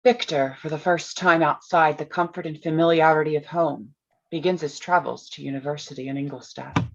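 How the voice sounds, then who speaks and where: A woman plays Mary Shelley in a dramatic staged reading of a gothic tale, an intense, teasing storyteller who is pointed and suspenseful and drops into hushed tones. Her voice is deep, steady, fairly quick and creaky. The recording sounds muffled.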